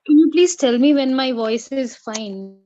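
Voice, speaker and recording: A young woman in her twenties, a student giving an earnest, halting online talk over a video call with a bad connection that keeps cutting out. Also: sits high, background noise. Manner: earnest, halting with many fillers. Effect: choppy audio from a bad connection that keeps cutting out. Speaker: student speaker. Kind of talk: online presentation. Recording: dull lo-fi online call audio.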